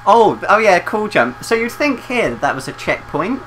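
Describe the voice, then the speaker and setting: Giggly gamer, bright lively voice. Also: mid-range voice, normal speed, slight background noise, low-quality recording. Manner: giggly, sarcastic, keeps laughing mid-sentence. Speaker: let's play commentator. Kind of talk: casual gameplay commentary.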